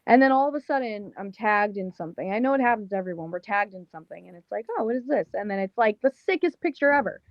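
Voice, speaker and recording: A woman's voice: mid-range voice, lively intonation, quick pace, hardly any pauses, no room sound, highs cut off. A young woman with a thick Long Island accent, a pro wrestler chatting casually in an interview, full of "like" and "um". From Las Vegas, Nevada. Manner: casual, slangy, lots of "like" and "um".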